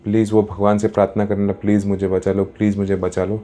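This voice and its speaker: A man's voice: fairly low pitch, flat delivery, fast talker, mellow, lightly acted. A man voicing a weak, desperate male king in a storybook tale, pleading in a weary way.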